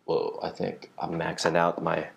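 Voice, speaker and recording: A man's voice: low voice, completely flat delivery, measured pace, vocal fry, muffled recording, slight background noise. A young man hosting a solo podcast from a small library conference room, chatting casually in a rambling, slangy, swearing style.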